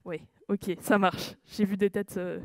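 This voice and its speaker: A woman's voice: mid-range voice, steady tone, a little slow, a little mellow, dry recording. A woman giving a talk at a conference, hesitant, with many fillers and self-corrections, checking in with her audience. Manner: engages the audience with questions. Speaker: conference speaker. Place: conference room.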